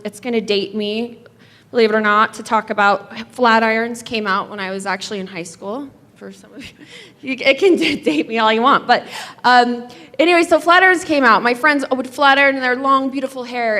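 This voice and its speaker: A woman's voice: fairly high pitch, bright, forceful tone. A woman hairstylist telling a personal story as a panel guest, chatty and self-deprecating, on a handheld mic at a live event. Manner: chatty, self-deprecating, laughs between phrases. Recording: reverberant hall.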